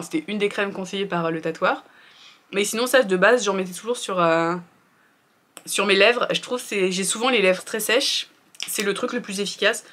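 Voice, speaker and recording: A woman's voice: medium pitch, a bit bright. Chatty woman in her thirties. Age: 30s. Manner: chatty, candid, filler-heavy. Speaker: beauty vlogger. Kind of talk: casual skincare routine vlog.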